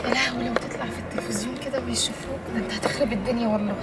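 Fast, sassy Egyptian woman. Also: fairly high pitch, fairly even intonation, very noisy. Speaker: prank passenger. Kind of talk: hidden-camera prank acting. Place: inside a car.

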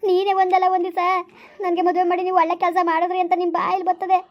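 A very high, flat-toned village mother, played by a woman, wails and begs her son. She comes through a dull, lo-fi recording from a homemade comedy skit. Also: racing. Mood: pleading. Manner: wailing, pleading. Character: grieving village mother, middle-aged, lamenting. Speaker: hobby skit actor. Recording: dull lo-fi sound.

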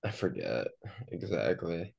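A man's voice: deep voice, sing-song, unhurried, creaky, darkish tone. A young man co-hosting a casual review chat, dry and keeping the talk on track. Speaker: co-host.

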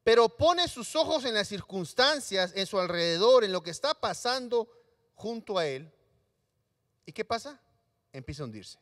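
A man's voice: high voice, big pitch swings, normal speed, a bit bright. A man preaching a sermon in a church hall, acting out voices of Bible figures for the congregation. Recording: live stream in a reverberant hall.

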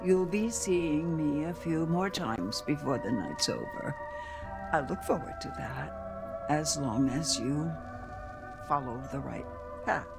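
A woman's voice: low-pitched, big pitch swings, slow pace, full character voice. A woman playing an eerie, teasing fortune-teller in a video game, sly, theatrical and cryptic. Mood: cryptic warning. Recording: loud music behind the voice.

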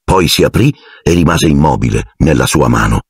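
A man reading an audiobook in expressive scripted narration on a close, dry studio mic. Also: very deep voice, moderate pace, husky, dry recording. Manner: expressive storytelling, acting out each character. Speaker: audiobook reader.

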